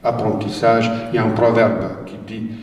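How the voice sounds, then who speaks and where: A man from Bosnia with a Bosnian accent, telling personal stories on a panel in a halting, wry way, often repeating words. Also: fairly low pitch, level tone, darkish tone. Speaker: writer on a panel. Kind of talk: personal storytelling talk. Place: conference hall. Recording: roomy hall, distant mic, faint noise.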